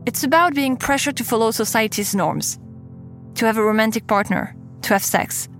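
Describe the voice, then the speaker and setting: A woman's voice: fairly high pitch, animated, moderate pace, fairly bright tone, soft background music. A woman in her thirties with a French accent, host of a podcast, telling her own story in candid scripted narration. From France. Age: 30s.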